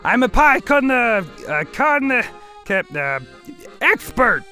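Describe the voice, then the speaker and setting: A jittery little male cartoon critter stammers and hesitates, slipping into a clumsy fake French accent. His voice sits high and bright, swings widely in pitch, and moves at an unhurried pace. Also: big pitch swings, faint music behind, exaggerated voice. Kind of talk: cartoon voice acting.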